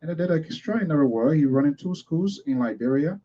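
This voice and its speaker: A man's voice: on the high side, animated, fast talker, dark tone. A man hosting a radio program, speaking in an emphatic, preachy way. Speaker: program host. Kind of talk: broadcast commentary. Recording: dull lo-fi sound.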